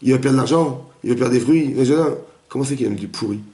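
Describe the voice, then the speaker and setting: A man, a rabbi, giving a lively interactive Torah class, quizzing his students and acting out the dialogue. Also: mid-range voice, racing. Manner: animated, questions the students, acts out dialogue. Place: echoey room with students. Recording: roomy echoey room recording.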